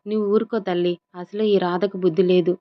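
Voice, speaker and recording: A woman's voice: lowish voice, steady tone, a little fast, dull audio, natural voice. A woman narrator voicing a protective older brother, fond yet scolding. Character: protective older brother, caring but angry.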